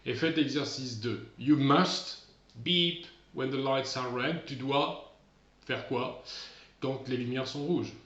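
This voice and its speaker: Male teacher, mid-pitched, patient and repetitive; a dull, roomy recording. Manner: patient, repetitive explaining with restarts. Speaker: English teacher. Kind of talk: recorded remote lesson.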